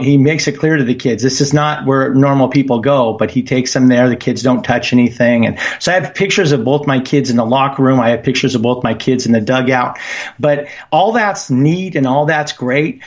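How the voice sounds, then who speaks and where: A middle-aged man calling in to a radio show, talking earnestly and haltingly with many restarts. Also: medium pitch, dull audio. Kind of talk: casual radio call-in chat.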